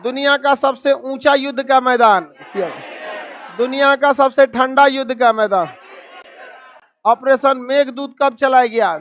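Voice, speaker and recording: A man teaching a classroom map lesson, scolding students and drilling them with quick repeated questions. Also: extremely high pitch, steady tone, a bit bright, some chatter behind, slight background noise. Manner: scolding, calls students donkeys.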